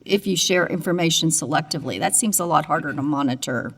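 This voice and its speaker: Gravelly-voiced woman judge, courtroom echo. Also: low voice, fast talker. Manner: probing, pointed questions. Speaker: appellate judge. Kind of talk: questioning counsel at oral argument. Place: appeals courtroom. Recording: long courtroom reverb.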